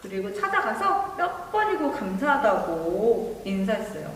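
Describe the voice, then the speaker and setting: A woman's voice: medium pitch, big pitch swings, a little slow, slight background noise. A woman telling a story to children as a Sunday school teacher, narrating in an explanatory way. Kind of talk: storytelling to children, missionary tale. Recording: very echoey hall, distant microphone.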